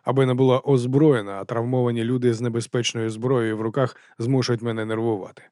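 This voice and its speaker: A man narrates an audiobook in the first person, in a deadpan and sardonic tone. He reads at a brisk, quick pace. The recording is close and dry, with no room sound. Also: medium pitch, dry recording. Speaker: audiobook reader.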